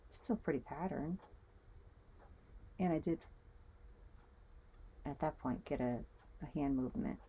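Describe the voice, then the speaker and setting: A woman's voice: rumbling low, creaky, warm tone, slight background noise. A woman vlogger chatting casually as she knits, muttering little asides to herself while she works. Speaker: knitting vlogger. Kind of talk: casual chat while knitting.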